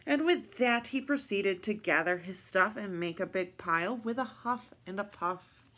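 A woman reading picture books aloud at storytime, in a slow, expressive, playful way. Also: mid-range voice. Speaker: storytime reader.

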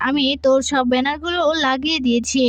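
A woman's voice: high-pitched, steady tone, fast, dry recording, muffled recording, lightly acted. A woman voicing a young man who begs for others to be let go, in a narrated story. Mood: pleading. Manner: pleading. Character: pleading young man, out of breath.

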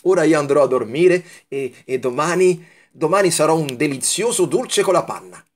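A man reading a children's storybook aloud, voicing a calm, frank little male candy who talks gently and reassuringly. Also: fairly high pitch, normal speed. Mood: gentle.

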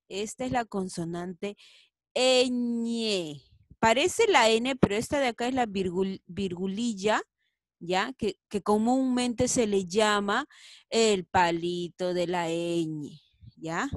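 A woman's voice: medium pitch, dry recording. A woman teaching a children's reading lesson. She stretches each word syllable by syllable and coaxes her pupils to read along. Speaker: primary school teacher.

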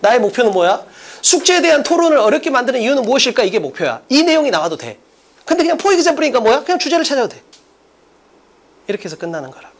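A man with a very high, sing-song voice races through an energetic classroom lecture about an English exam. He speaks bluntly and casually and emphatically, peppering students with rhetorical questions.

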